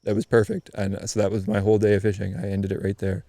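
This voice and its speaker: A man from eastern Canada, a podcast guest, telling a story in a loose, animated way with many ums and restarts. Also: on the low side, quick pace, creaky, dry recording. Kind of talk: casual storytelling chat.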